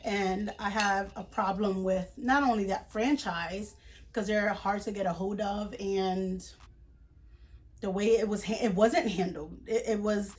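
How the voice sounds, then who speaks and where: A young woman tells a story to her vlog audience in a casual, indignant voice. She talks in quick runs of retold dialogue with plenty of fillers and restarts. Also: mid-range voice. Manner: indignant, chatty retelling with many fillers. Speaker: vlogger.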